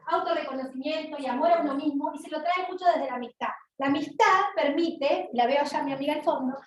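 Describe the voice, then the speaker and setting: A woman lecturer with an Argentine accent, giving an animated university talk and asking her audience questions, recorded in a large lecture hall. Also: high-pitched, a little hiss or hum. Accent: Argentine Spanish. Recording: roomy hall sound, mic at a distance.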